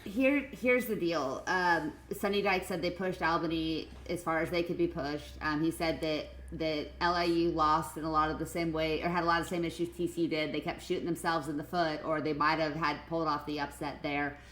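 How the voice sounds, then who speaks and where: A woman co-hosting a sports podcast, animated and enthusiastic, with frequent ums. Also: low voice, brisk, few pauses. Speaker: podcast co-host. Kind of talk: casual sports podcast chat. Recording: echoey room with faint noise.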